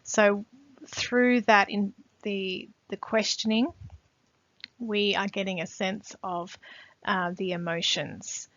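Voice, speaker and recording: Slow-paced woman teaching a poetry lesson. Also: medium pitch, steady tone, fairly bright tone, no echo. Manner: slow, pausing often with "um", reading quoted lines with more force. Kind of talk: poetry lesson with read-aloud quotes. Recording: dull, slightly muffled recording.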